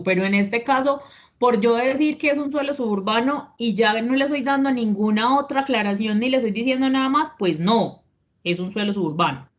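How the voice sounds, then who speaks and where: Woman instructor, explanatory online class delivery; muffled call audio, light hiss. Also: on the high side. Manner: explanatory, checks understanding with questions. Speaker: instructor of a risk management course. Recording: dull lo-fi online call audio with faint noise.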